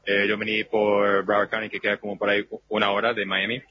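A man's voice: fairly low pitch, completely flat delivery, brisk. A man from the United States, a football fan, answering in a casual street interview, hesitant with many "eh" fillers and small grammar slips. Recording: dull lo-fi radio with loud background noise.

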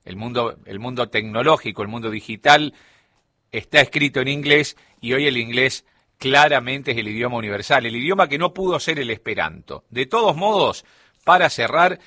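This middle-aged man, speaking with a Rioplatense Spanish accent, works as a radio columnist explaining a topic during a studio chat. His mid-range voice sounds animated and sharp at a normal speed, with no room sound, and he delivers it like a story.

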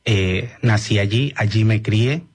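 A man's voice: fairly low pitch, darkish tone, husky, faint music behind. Venezuelan man on a radio interview. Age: 30s. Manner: measured, with many "eh" fillers. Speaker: guest, doctor.

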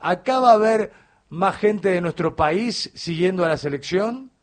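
A man with an Argentine Spanish accent hosts a live radio sports show from the studio. His voice sits high, and he announces names and throws to the reporter with energy. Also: lively intonation, a little slow.

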